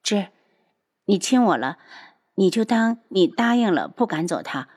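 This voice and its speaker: 一位女性朗读者演绎一位撒娇又嘴利的怀孕王妃。. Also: female voice, mid-range voice, big pitch swings, a little slow, darkish tone, breathy edge. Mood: coquettish. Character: spirited pregnant princess wife.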